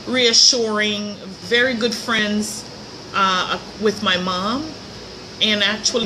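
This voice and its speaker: A slightly hoarse middle-aged woman hosts a motivational show, giving a casual live-stream monologue from a hotel room near a pool. She's chatty and upbeat, with light laughs, at medium pitch. Background noise is present.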